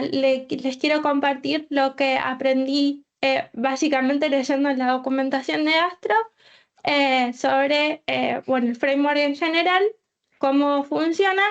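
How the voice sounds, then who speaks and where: A woman's voice: sits high, muffled recording. Hesitant Argentine woman giving a tech talk. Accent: Argentine Spanish. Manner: hesitant, many filler sounds and restarts. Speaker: full stack developer giving a tech talk.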